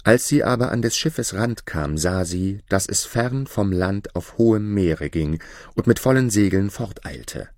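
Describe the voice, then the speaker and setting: Deep-voiced man reading a fairy tale. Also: no room sound, clean studio sound. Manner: expressive, deliberate storytelling. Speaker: storyteller.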